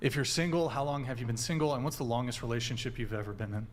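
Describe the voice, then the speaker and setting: A man with a mid-range voice runs a podcast panel, firing off questions one after another in a brisk, methodical way. His delivery is businesslike and direct. A faint hiss runs underneath. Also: mid-range voice. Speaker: podcast host. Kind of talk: podcast interview.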